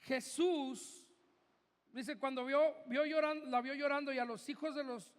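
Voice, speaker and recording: A male pastor with a Mexican Spanish accent preaches to his congregation in a conversational way, dropping joking asides. His voice sits very high and he speaks slowly. The recording carries the long reverb of a church hall. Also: steady tone. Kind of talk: sermon.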